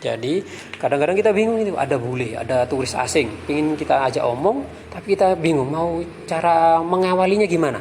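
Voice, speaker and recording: An Indonesian-accented man teaches a lesson on English phrases, his voice sitting a bit high for a man. He explains quickly, then says each example phrase slowly and carefully. A faint hiss of noise lies under the recording. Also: animated, a little mellow. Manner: slow, drawn-out model English phrases between quick explanations.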